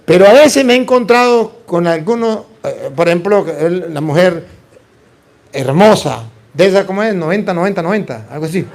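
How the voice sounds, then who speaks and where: At a normal speed, a high-pitched male preacher gives an animated sermon that presses listeners with rhetorical questions and call-and-response. He stages funny little conversations and delivers them with a comic touch.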